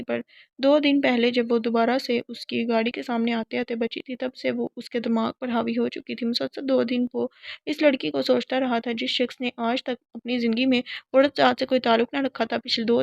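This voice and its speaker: A woman reading a romance novel aloud in a steady, even way as the narrator. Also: fairly high pitch, vocal fry, dry recording. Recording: dry, dull lo-fi sound.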